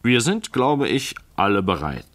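A man reading a stately elderly English gentleman. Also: medium pitch, sing-song, unhurried, background noise. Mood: dignified. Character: genial portly elderly male gentleman, stubbornly dignified.

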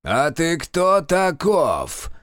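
A man voicing a fierce, scornful old village sorcerer who speaks bluntly in rough rustic speech and swears. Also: mid-range voice, big pitch swings, a little slow, dry recording, clean studio sound, voice pushed up. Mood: gruff.

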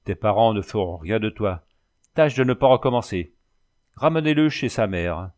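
Brief: narrator doing a stern, fussy judge, lower voice with lively rises. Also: male voice, normal speed, natural voice. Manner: stern, officious. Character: stern, nervous older male court president.

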